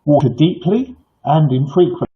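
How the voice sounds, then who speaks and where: An older man with toothless, slightly slurred articulation gives informal live advice as a clinic host, in a halting, rambling way with false starts and repetitions. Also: on the high side, expressive, warm tone, breathy edge. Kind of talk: informal live advice, answering viewer questions. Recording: dull, lo-fi sound.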